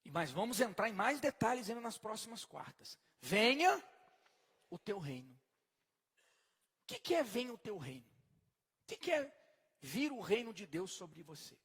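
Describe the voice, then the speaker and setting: Male preacher, high and animated, husky tone, emphatic, long reverb. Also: normal speed, long pauses. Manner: emphatic, swings from soft to loud, questions the congregation. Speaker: pastor. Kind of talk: sermon.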